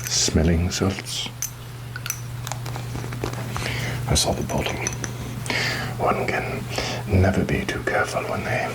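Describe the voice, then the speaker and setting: Pirate captain, played by a man: whispered ASMR, slow and deliberate, roguish, rum-loving, theatrically wary. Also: low-pitched, poor audio. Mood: flustered, excusing. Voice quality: breathy whisper. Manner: halting, deliberate, mock-grand phrasing. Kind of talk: whispered ASMR roleplay, addressing the listener.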